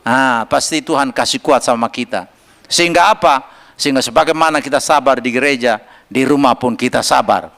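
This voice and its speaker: A pastor preaching to his congregation in a church service, his voice gravelly and mid-pitched. He talks in a lively, joking way and slips into song to make his point. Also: a little fast. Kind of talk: sermon.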